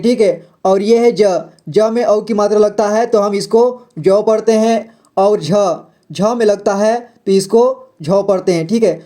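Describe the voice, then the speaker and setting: A warm, medium-pitched voice leads this step-by-step phonics lesson. The patient teacher repeats every sound, answers the questions they pose, and frequently says "theek hai" while helping learners read syllables and words.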